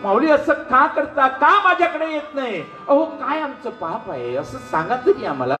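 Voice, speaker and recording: A man's voice: high-pitched, measured pace, faint music behind. A man voicing a wailing seven-year-old boy. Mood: pleading. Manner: crying, pleading cries. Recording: roomy hall with faint instruments.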